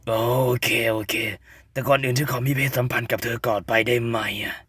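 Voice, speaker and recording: A sleazy, wheedling cartoon boyfriend, played by a man in a comic fan dub, sweet-talking in a smarmy way. His voice is husky with a bright, edgy tone. The recording is dry and close. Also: medium pitch, fairly even intonation, a little fast, no echo. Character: creepy sleazy boyfriend lurking in her room.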